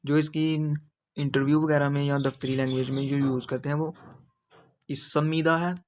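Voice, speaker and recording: Man patiently teaching grammar, slightly high. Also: flat delivery, moderate pace, a little mellow. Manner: patient, repeats each example. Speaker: language teacher. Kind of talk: explaining grammar in a video lesson.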